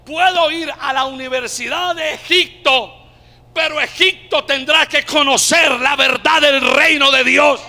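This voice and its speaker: A Colombian man preaching a sermon, calling out to the congregation and rising to shouted climaxes. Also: very high voice, a little slow, gravelly, in a large hall. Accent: Colombian Spanish. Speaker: pastor.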